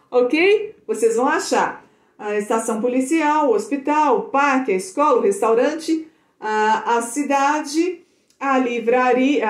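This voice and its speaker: A woman teacher with a Brazilian accent giving an online English lesson to children, reading lines aloud and translating them warmly. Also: high-pitched. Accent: Brazilian Portuguese. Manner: affectionate, slow and drawn out, reads English lines then translates. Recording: echoey room.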